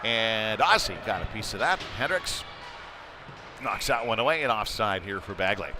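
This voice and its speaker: Animated and speaking at a moderate pace, a man with a lowish voice provides play-by-play for a youth hockey game in an indoor ice rink. His talk between plays is casual and somewhat halting, against background noise.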